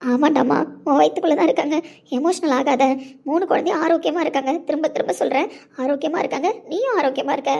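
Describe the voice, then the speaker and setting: A composed female doctor, voiced by a woman speaks in a lowered, steady tone. She soothes her patient with firm, reassuring words. It sounds like a homemade family drama. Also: fast, vocal fry. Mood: soothing. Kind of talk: home video drama acting.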